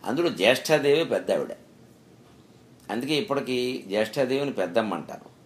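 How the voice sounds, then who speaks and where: A man's voice: medium pitch, animated, fairly quick, slight background noise. A middle-aged man giving a spiritual discourse, telling stories and asking rhetorical questions with emphatic rises. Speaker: spiritual speaker.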